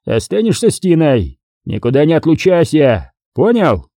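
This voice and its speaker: A volatile, furious gang boss snarls and roars his threats, as a male narrator puts him on. The voice climbs well above the reader's own, husky and dark. It is a dry audiobook reading. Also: sits high, very animated, moderate pace, no room sound, voice pushed up, exaggerated voice. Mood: raging. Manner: snarling, yelling threats in bursts.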